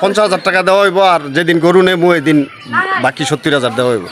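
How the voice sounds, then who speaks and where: Man, quick talker, fairly high voice, bargaining over a cow, voices and clucking hens around. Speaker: cattle buyer. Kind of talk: casual bargaining chat. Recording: outdoor chatter and clucking chickens.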